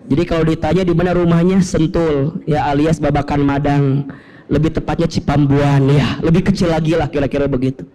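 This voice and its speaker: A man's voice: on the high side, level tone, fairly quick, mellow, poor audio. A man, preaching through a personal story with emotion and self-mocking humor. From Bogor area, West Java. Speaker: Islamic preacher. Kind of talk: storytelling sermon.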